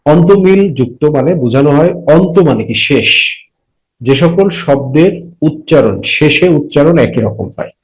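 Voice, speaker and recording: Man teaching English, slow and repetitive. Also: mid-range voice, a little mellow, highs cut off. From Bangladesh. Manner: repeats phrases slowly and translates line by line. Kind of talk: bilingual classroom lesson.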